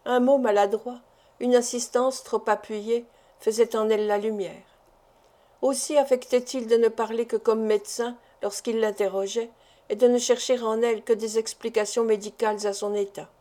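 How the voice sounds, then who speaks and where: A woman, an audiobook reader, narrating a classic novel in a measured, deliberate way. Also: fairly high pitch, steady tone, mellow. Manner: measured, deliberate literary reading.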